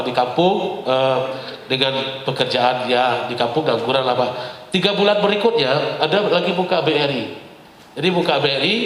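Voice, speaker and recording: A man from West Sumatra telling a lively personal story as a talk show guest, laughing often and often addressing the host as "Pak". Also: on the high side. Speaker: guest speaker. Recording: echoey hall reverb.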